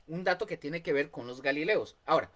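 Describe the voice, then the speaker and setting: A Costa Rican man teaching a Bible study in an explanatory way, repeating key points and often pausing on fillers. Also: a little high. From Costa Rica.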